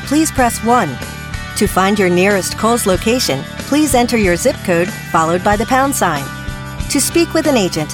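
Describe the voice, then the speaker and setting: A woman reading a recorded phone menu message in a calm, formal, even way. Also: medium pitch.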